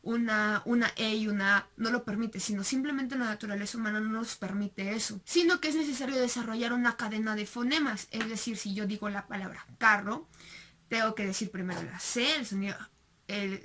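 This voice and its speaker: A young woman with a Mexican Spanish accent walks through a recorded class presentation. Her voice sits slightly high, and she explains step by step, filling pauses and tagging points with rhetorical questions. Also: fairly bright tone. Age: young adult. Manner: explanatory, with frequent fillers and rhetorical tags. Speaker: student presenter.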